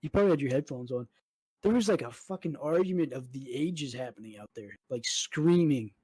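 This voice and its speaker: A man's voice: mid-range voice, animated, brisk, darkish tone, breathy edge, dry recording, rough recording. A young man co-hosting a podcast at home, telling a long story in casual chat with lots of "like" and swearing. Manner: rambling storyteller, heavy swearing and fillers. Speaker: podcast co-host.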